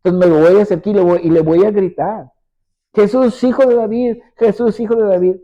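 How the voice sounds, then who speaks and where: A desperate, anxious mother, acted by a preacher, voiced in a warm, mellow tone. She plans aloud and cries out for help. The recording is a dull, lo-fi one. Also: high voice, steady tone, fast talker, natural voice.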